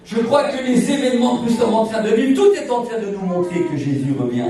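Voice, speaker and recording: A man's voice: extremely high pitch, expressive, fairly quick, warm tone. A man in his sixties from Portugal, an evangelist preaching a sermon in an emphatic, repetitive, preacherly cadence. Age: 60s. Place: church sanctuary. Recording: echoey church from far off.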